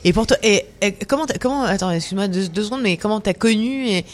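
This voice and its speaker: A woman hosting a casual radio show, introducing her guest and chiming in with quick reactions and halting questions. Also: medium pitch. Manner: interjects short reactions, stumbles on questions. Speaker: radio host.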